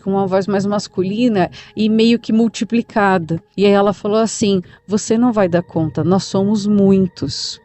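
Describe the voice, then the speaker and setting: A woman with a Brazilian accent retells a listener's supernatural experience as a podcast narrator. She speaks in a calm, conversational manner with everyday fillers, her voice mellow and soft-edged. The sound is dry and close. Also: on the high side, no room sound.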